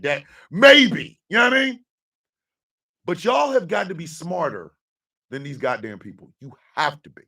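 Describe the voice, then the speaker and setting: A man in his fifties hosting a live stream, ranting with profanity and often breaking into shouts. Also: high-pitched, recorded from a distance. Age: 50s. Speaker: host.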